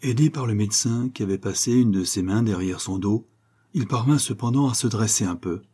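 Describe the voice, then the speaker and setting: A man narrating a detective story as an audiobook with steady dramatic reading. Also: lowish voice, fairly quick, slightly rough.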